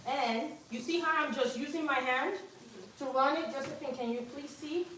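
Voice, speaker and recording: A woman instructor leads a hands-on hair-washing demo in a salon classroom, chatting and coaching her students. Her voice sits a little high and sounds distant from the camera, and the room throws back a heavy echo. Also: moderate pace. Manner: coaching, chatty, turns loud and upbeat when excited. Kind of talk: live hands-on demonstration class. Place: salon classroom at a wash sink. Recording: very echoey room, distant mic, faint noise.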